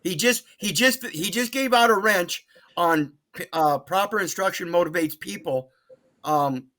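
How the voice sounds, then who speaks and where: An American man phones a radio show as a caller. His voice sits a little high. He argues his points earnestly and insistently, with a preachy streak. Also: a little slow, bright, forceful tone. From Mississippi, United States. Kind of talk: unscripted call-in debate.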